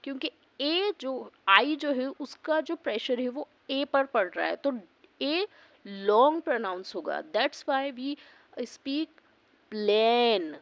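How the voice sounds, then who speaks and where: A woman's voice: sits high, animated, vocal fry, no room sound. A woman teaching English pronunciation, spelling words out letter by letter and asking questions she answers herself. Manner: asks the class questions and answers them herself; spells words letter by letter and repeats them slowly. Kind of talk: pronunciation lesson.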